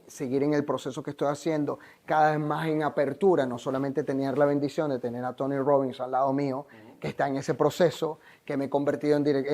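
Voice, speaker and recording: A man's voice: fairly high pitch, darkish tone. A Venezuelan man, a life coach, telling his story in an interview in an earnest, emphatic, motivational way.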